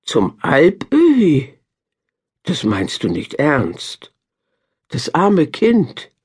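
A woman's voice: on the low side, big pitch swings, unhurried, husky, pitched above the performer's own voice, full character voice. A woman voicing an anxious, gossipy village farm woman in a storybook reading, fretful and emphatic. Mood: worried.

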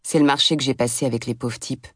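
A woman's voice: extremely low pitch, steady tone, quick pace, no echo. Woman narrating bluntly in a dry studio. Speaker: audiobook narrator. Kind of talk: scripted first-person audiobook narration.

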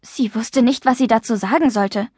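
A woman narrating a children's audiobook with clear, lively storytelling. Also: on the high side, normal speed, dry recording, clean studio sound.

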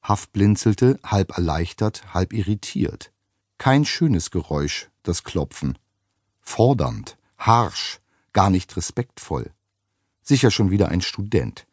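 Low, husky male audiobook narrator. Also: slow, no room sound, clean studio sound. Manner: wry, expressive storytelling. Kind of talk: scripted narration.

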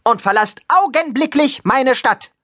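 A man's voice: very high voice, expressive, measured pace, bright, forceful tone, no echo, studio quality, pitched above the performer's own voice, full character voice. A man voicing a pompous, indignant male Roman god in statue form in an audiobook, scolding in haughty, clipped outbursts. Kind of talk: audiobook character voice.

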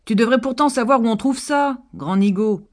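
A woman's voice: fairly high pitch, moderate pace, voice pushed up, close to an everyday voice. Woman putting on a scornful, scolding wife. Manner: sarcastic, scolding, raised voice. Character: scornful shrewish middle-aged wife, sharp-tongued.

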